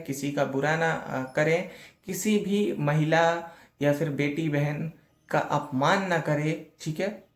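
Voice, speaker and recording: Man teaching devotional practice, echoey room. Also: on the high side. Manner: chants mantras slowly, repeats "ठीक है". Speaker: spiritual teacher. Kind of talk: devotional instruction. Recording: echoey room with faint music.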